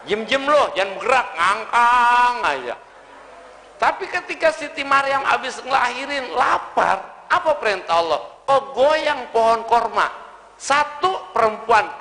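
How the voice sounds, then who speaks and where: A man, preaching a lively, joking sermon in colloquial slang to a mosque congregation. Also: extremely high pitch. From Indonesia. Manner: lively humorous storytelling in Betawi-style slang. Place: mosque hall. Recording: reverberant mosque hall.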